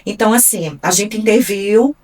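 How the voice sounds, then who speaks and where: A woman's voice: medium pitch, a little mellow. Brazilian woman explaining, slightly distant mic. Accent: Brazilian Portuguese. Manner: explanatory, measured, frequent tag questions. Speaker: speech therapist guest. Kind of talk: radio interview. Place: radio studio.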